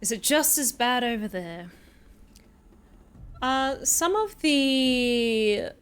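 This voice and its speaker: A woman's voice: on the high side, expressive, very slow, clean tone, soft background music. A woman streaming a game, chatting casually with viewers, rambling and swearing freely. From Australia.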